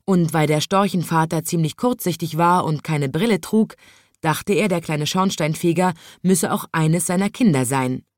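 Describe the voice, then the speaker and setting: A woman reads a children's story aloud in a gentle, even way. Her voice sits fairly low for a woman and is recorded close and dry, with no room sound. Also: normal speed, no echo.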